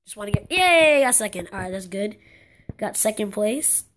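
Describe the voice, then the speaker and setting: A woman's voice: medium pitch, flat delivery, normal speed, slight background noise. A young woman giving casual commentary over a mobile game, exclaiming in frustration and rambling with many restarts. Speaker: gaming channel host.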